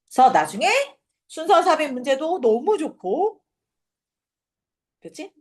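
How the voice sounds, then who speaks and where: A woman teaching an English reading passage for a high school exam, explaining it casually and acting out quick asides and rhetorical questions. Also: very animated, a little mellow. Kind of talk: exam prep lecture.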